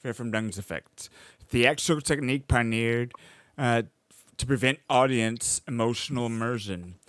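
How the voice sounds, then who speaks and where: A man's voice: medium pitch, moderate pace, a bit bright, smooth, no room sound. Male co-host, casual and playful, close dry mic, explains things with loose analogies. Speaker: podcast co-host. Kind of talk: casual chat.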